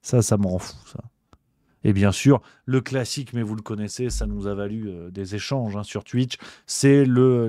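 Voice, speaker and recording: A man's voice: fairly low pitch, warm tone, no echo, clean studio sound. Exasperated ranting male host. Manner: exasperated, swearing, repetitive grumbling. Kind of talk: comedic rant on a livestream show.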